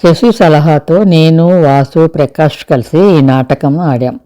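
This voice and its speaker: A woman's voice: low-pitched, slow, dark tone. A woman voicing an earnest, persuasive young man in an audio story, close to her own voice. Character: man, young adult, earnest cousin and husband.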